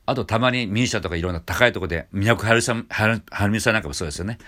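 An older Japanese man teaching a singing lesson, explaining calmly with many fillers and small restarts. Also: lowish voice, very fast. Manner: explains calmly, breaking off to demonstrate sounds. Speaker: voice trainer. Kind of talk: vocal lesson with demonstrations.

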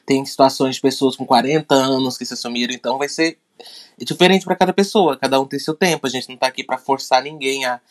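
A Brazilian man co-hosting a podcast in casual chat, often halting and repeating words as he explains. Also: medium pitch. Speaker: podcast co-host.

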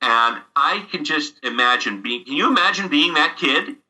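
A middle-aged man with a very bright, forward voice tells a story in an easy, conversational way. He chuckles between phrases and restarts his sentences as he goes. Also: fairly high pitch, animated, moderate pace, poor audio. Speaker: guest telling stories. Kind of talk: casual anecdote telling.

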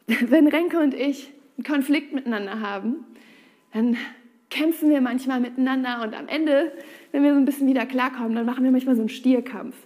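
Hohe Stimme, ernste Predigerin. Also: female voice, high voice, fairly quick, dark tone. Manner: earnest, direct, conversational. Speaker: preacher. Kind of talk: sermon.

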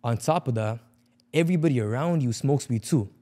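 A young man speaks in a mellow, relaxed voice with a Toronto street accent. He chats casually at middling pitch, leaning on slang and repetition to press his point. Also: fairly quick. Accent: Toronto urban slang accent. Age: young adult. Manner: slang-heavy, emphatic repetition. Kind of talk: casual chat.

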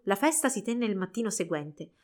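A woman narrating a storybook in an expressive, measured reading. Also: mid-range voice.

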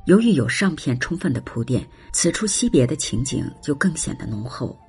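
A reader slowly reciting a classical poem with expressive, drawn-out phrasing, then explaining its lines and meaning. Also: slightly rough, soft background music. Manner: drawn-out, expressive delivery with wide swings in pitch. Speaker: poetry reciter and commentator. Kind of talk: slow poetry recitation then explanatory commentary.

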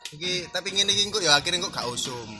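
A man's voice: sits high, lively intonation, fast. Man, young, joking, rowdy, casual banter, music in background. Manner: joking, rowdy, laughs often. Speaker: co-host. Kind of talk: casual banter over social media posts. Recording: music playing behind.

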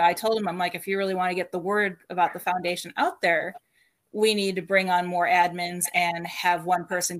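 A podcast guest shares stories from her paranormal work in a relaxed interview. Her voice is on the low side and slightly bright, and she laughs often between sentences.

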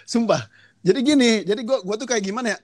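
This fast-talking young storyteller has a high voice and can't stop swearing while he recounts a cringeworthy childhood episode. He pokes fun at himself with plenty of energy, and there's a little hiss or hum in the background of this casual chat.

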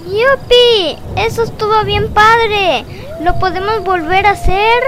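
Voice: extremely high pitch, slow, a loud crowd, heavy background noise. Una voz que interpreta a un niño fantasma travieso y quejón con acento mexicano. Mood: cheeky. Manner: whiny, teasing. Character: cheeky little boy ghost.

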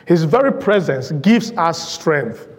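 A man's voice: a little high, big pitch swings, slow, in a large hall. A male pastor preaching a sermon in a church, emphatic and rhythmic, driving points home through repetition. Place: church sanctuary.

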